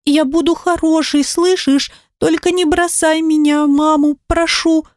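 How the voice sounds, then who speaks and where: A woman's voice: high voice, fairly even intonation, slow pace, a little mellow, dry recording, studio quality, voice pushed up. A woman reading an audiobook, voicing a small girl who pleads in a trembling, tearful voice. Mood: pleading.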